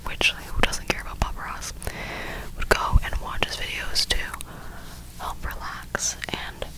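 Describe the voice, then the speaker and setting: A young woman whispers throughout in a breathy, voiceless tone. She rambles through casual ASMR chat in slangy, informal phrasing, as if thinking aloud. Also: poor audio. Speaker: ASMR creator.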